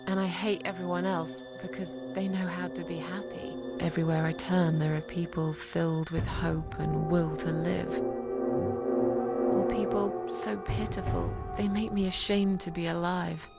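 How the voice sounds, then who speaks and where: A woman's voice: on the low side, measured pace, loud music behind the voice. An actress voicing a depressed, self-loathing, lonely woman in a video game, sounding bleak and weary. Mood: despairing.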